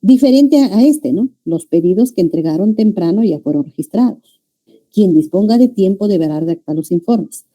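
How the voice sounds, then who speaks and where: A middle-aged woman with a Peruvian Spanish accent, giving an animated classroom lecture and addressing her students often and with emphasis. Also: mid-range voice, normal speed. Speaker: teacher.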